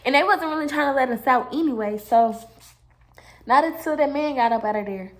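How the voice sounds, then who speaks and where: Woman, young adult, high-pitched, casual storytime, emotional, animated, addresses viewers. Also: brisk. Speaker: beauty vlogger telling a storytime.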